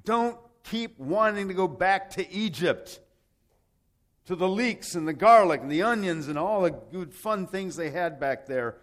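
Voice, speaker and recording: With a high-pitched, fairly bright voice, a man preaches in an animated but unhurried way. Raised in Rome, Italy, by American parents, he weaves scripture and personal anecdotes into his sermon, emphatic and conversational, asking rhetorical questions and repeating phrases.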